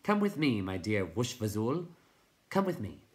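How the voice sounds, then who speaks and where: A man's voice: fairly low pitch, sing-song, unhurried. A man voicing a tiny, condescending male creature who talks in a chirpy, twittering way.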